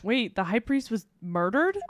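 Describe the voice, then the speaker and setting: A woman's voice: a little high, very animated, normal speed, background noise. Chatty young woman streamer. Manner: chatty, joking, reads lines aloud. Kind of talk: casual let's play commentary.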